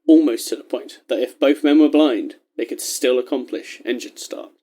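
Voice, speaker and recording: In a medium-pitched, slightly mellow voice, a man narrates an audio story. He reads scripted prose at a measured pace, setting each scene with descriptive care.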